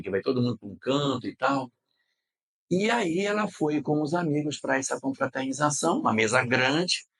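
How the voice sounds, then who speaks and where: A man's voice: medium pitch, fairly bright tone, slightly rough. A man with a Brazilian accent giving a religious lecture and telling stories expressively, repeating phrases for emphasis. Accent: Brazilian Portuguese. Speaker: spiritist lecturer.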